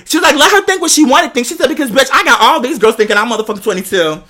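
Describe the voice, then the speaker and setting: A woman hosting tells a personal story in animated, slangy casual talk, sassy and dramatic, tossing in "girl" and swearing. Her voice sits high and she speaks rapid-fire.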